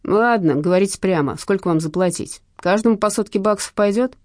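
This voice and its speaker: A woman reader voicing a scared, sly male pickpocket who whines, pleads and talks in rough slang. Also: medium pitch, brisk, a little mellow, dry recording, studio quality, voice pushed up, natural voice. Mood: whining.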